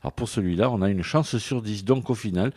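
A man giving a scripted radio explainer, reading out numbers in a measured way. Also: lowish voice, darkish tone, dry recording. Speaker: radio columnist. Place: radio studio.

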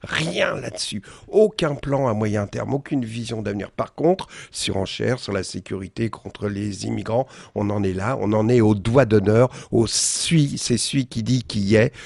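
Gravelly sardonic male radio columnist. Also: on the low side, moderate pace, hardly any pauses, a little mellow, no echo, studio quality. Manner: sardonic, indignant, mocking. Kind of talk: satirical morning opinion column.

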